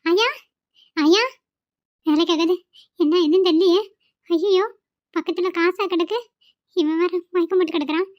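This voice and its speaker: A woman's voice: very high-pitched, fairly even intonation, normal speed, pauses often, no echo. A woman voicing an anxious young carer. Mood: worried. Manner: urgent and pleading. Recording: dull, dry home recording.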